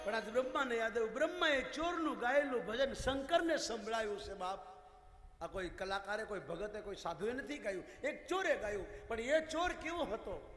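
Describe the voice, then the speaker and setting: High-voiced man preaching in an echoey hall. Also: lively intonation, normal speed. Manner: dramatic, swings between loud and soft. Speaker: religious storyteller. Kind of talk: devotional story sermon. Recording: echoey hall, faint music.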